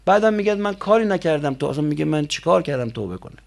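A man preaching a sermon, telling stories in colloquial speech and slowly chanting prayer lines. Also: on the high side, lively intonation, gravelly.

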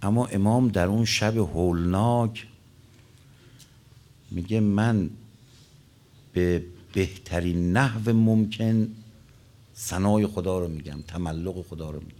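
Man, preacher, lowish voice, sermon with Arabic quotes, swings loud and soft. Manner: storytelling with Arabic quotations, voice rising and dropping. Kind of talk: religious sermon.

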